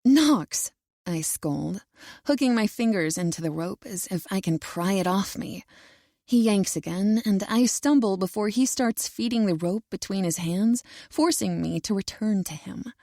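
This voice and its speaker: A woman narrating a first-person romance audiobook in an even, unhurried storytelling manner. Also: medium pitch, vocal fry, no room sound, clean studio sound.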